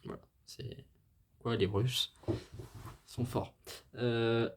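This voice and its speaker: Speaking very slowly with a breathy edge and a steady mid-range voice, this music-channel host walks through a band's history in a casual way. He hesitates a lot, restarts and uses fillers, apologizes for fumbling foreign names, and is keen on the music.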